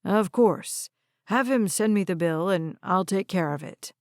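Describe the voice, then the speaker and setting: A woman's voice: mid-range voice, measured pace, no echo, studio quality, close to an everyday voice. A woman voicing a shrewd, cool lawyer man.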